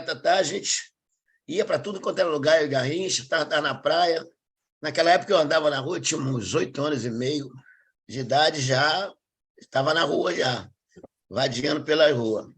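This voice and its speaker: A man with a Carioca accent, a capoeira master telling stories in a casual, lively way and acting out quoted voices. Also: fairly high pitch, husky. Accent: Carioca Brazilian Portuguese. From Rio de Janeiro, Brazil. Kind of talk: casual storytelling.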